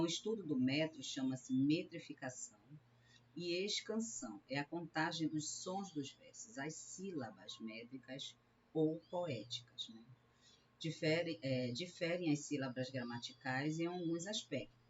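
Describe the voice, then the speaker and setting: A woman from Brazil, a literature teacher giving a recorded lecture, explaining step by step and often tagging a questioning "né?" onto her sentences. She slows down to sound out syllables one at a time. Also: rumbling low. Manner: sounds out syllables slowly when counting verse. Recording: slightly dull lecture recording with faint hiss.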